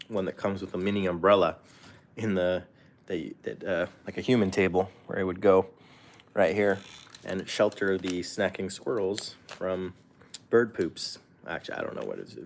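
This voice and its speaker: A man's voice: low-pitched, steady tone, normal speed, a little hiss or hum. A man casually chatting on a livestream while feeding his guinea pigs, rambling and correcting himself with small chuckles. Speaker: pet vlogger.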